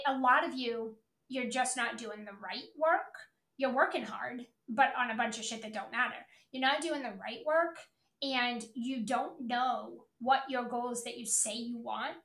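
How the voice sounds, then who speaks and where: A woman's voice: on the high side, fairly bright tone, echoey room. A woman giving a motivational business coaching talk in a blunt, emphatic, repetitive way, peppered with swearing.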